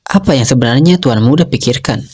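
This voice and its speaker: A man voicing an eager, scheming male adviser who flatters and urges his young master, in a casual storytelling recap. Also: medium pitch, brisk, breathy edge. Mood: urging. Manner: urging, flattering.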